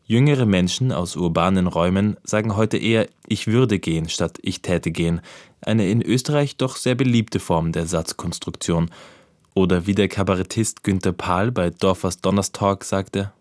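Deep-voiced man narrating a radio feature. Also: a little mellow, no echo, studio quality. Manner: measured, informative. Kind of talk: scripted narration.

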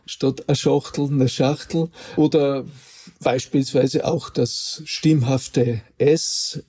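Slow, gravelly-voiced man explaining language. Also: mid-range voice, dark tone. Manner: deliberate, explanatory, gives spoken examples. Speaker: linguistics researcher. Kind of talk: interview answers.

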